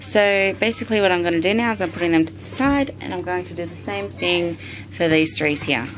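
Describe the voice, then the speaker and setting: Filmed on her phone camera in her bedroom at night, this Australian woman chats her way through a DIY craft tutorial step by step, with plenty of ums. Her voice sits lowish and moves fairly quickly, and the rough phone-video recording has a little hiss or hum.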